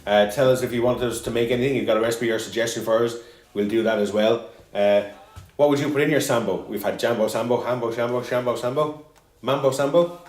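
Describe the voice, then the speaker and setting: A man's voice: medium pitch, fairly even intonation, fast, darkish tone, roomy sound, faint music behind. A man hosting a casual cooking show, joking and rambling as he cooks.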